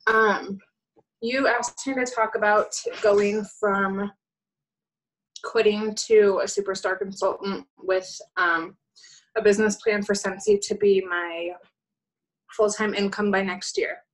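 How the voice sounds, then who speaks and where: A woman's voice: mid-range voice, fairly even intonation, takes it slowly, rough recording. A woman on a group video call, talking casually with many ums about her plans as a consultant.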